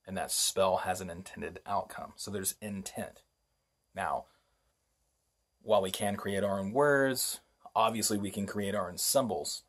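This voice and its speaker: A man hosting a spoken lesson on language and spellcraft, unhurried and reflective, often asking rhetorical questions. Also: low-pitched, slightly rough. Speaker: host.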